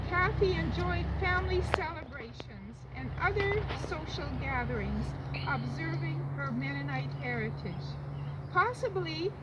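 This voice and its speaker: An older woman reading a prepared family eulogy in a measured, formal way. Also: sits high. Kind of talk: prepared funeral eulogy, read aloud. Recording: distant muffled mic, loud background noise.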